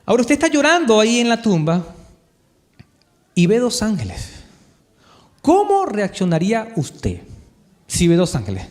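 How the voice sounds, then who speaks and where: Sitting high with huge pitch swings and a darkish tone, this man's voice keeps a normal speed but leaves long pauses. He is a Chilean pastor preaching live in church, recounting the story with animation and putting questions to the congregation.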